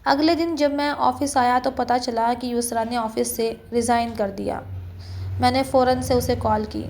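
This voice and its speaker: A woman telling a romantic story in steady, scripted first-person narration. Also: on the high side.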